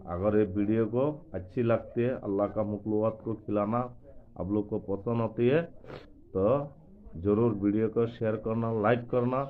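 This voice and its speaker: Guy with a lowish voice chatting away and coaxing animals, sounds thin like a phone line. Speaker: vlogger. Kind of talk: casual running commentary to camera. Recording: tinny phone-like sound with faint noise.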